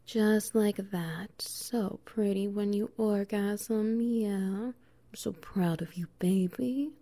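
Woman, slow unhurried delivery, warm mellow tone, soft teasing whispers. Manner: soft teasing, often whispering, with low laughs. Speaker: audio roleplay performer. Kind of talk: intimate audio roleplay.

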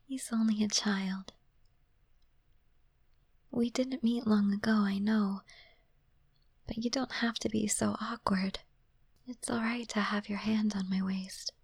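A woman voicing a gentle, caring young princess and future queen, speaking in a slow, soothing whisper close to the microphone. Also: medium pitch, creaky, husky, no echo, heavily acted. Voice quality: soft unvoiced whisper. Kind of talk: whispered ASMR roleplay.

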